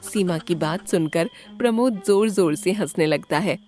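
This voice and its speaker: A woman narrating an animated story in a steady, lowered storytelling tone. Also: normal speed.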